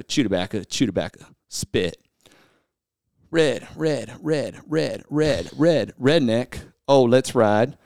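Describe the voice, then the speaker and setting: A man's voice: mid-range voice, darkish tone, clean tone, no echo, clean studio sound. A man co-hosting a casual podcast, read-singing country song lyrics for laughs. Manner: reads song lyrics in a half-sung, joking way. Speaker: podcast co-host.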